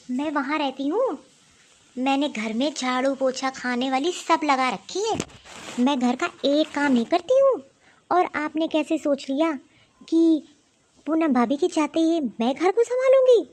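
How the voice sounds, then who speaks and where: A woman voicing a spoiled, lazy young daughter-in-law in a cartoon, with a haughty, demanding way of talking. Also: high voice. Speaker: voice actor. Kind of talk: cartoon voice acting.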